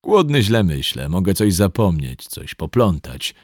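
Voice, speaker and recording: A controlled, quietly threatening man in his forties, read by a male narrator. His voice is very deep and husky, and his delivery is lively despite the calm. The sound is close and dry. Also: unhurried, no echo, exaggerated voice. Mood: cool, menacing. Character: 42-year-old man, calm yet menacing. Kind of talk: audiobook reading.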